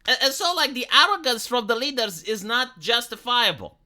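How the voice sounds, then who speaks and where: Romanian accent guy ranting blunt on his vlog, super bright edgy tone, cusses a lot. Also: extremely high pitch, lively intonation, normal speed. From Eastern Europe. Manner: blunt, ranting, swears freely. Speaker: political commentator. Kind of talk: opinion commentary vlog.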